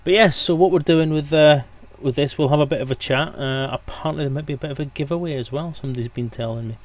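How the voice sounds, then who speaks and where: Fast-talking and fairly high-pitched, a man hosts a live stream over a headset mic. He chats informally with his audience, cracking jokes and drifting between topics.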